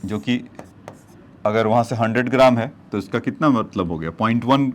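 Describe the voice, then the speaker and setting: A man's voice: mid-range voice, normal speed, a little hiss or hum. Man explaining physics problems step by step. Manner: explains step by step, addresses students as children. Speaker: physics teacher. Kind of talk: whiteboard problem-solving lecture.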